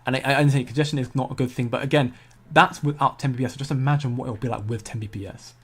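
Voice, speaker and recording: Speaking rapid-fire in a steady mid-range voice with a breathy edge, this man runs a laid-back crypto livestream. He chats through viewer comments, keeps correcting himself, and is quick to laugh at what the chat says.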